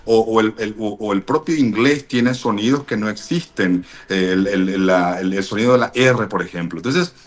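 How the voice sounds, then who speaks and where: A Paraguayan man being interviewed, explaining things in a measured way with frequent fillers and restarts. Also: fairly low pitch. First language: Spanish. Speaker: interview guest, language teacher. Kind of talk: thoughtful explanatory interview answers.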